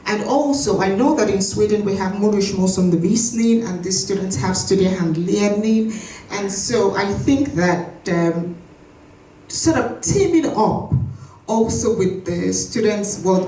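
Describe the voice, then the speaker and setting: A woman on a panel who has worked in schools, answering in a measured way with many filler phrases. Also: mid-range voice, warm tone. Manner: measured, frequent "you know" fillers. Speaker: panel speaker, former teacher. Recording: echoey hall, distant mic, faint noise.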